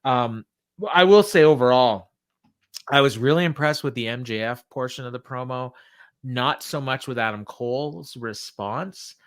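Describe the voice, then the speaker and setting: A man casually recapping from memory as a podcast co-host, halting and backtracking as he paraphrases what was said. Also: medium pitch, fairly bright tone.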